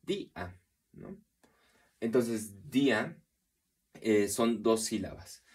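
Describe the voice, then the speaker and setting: A man teaching a poetry lesson, counting syllables aloud slowly, with frequent hesitations and restarts. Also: lowish voice. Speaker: literature teacher. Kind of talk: explanatory recorded lesson.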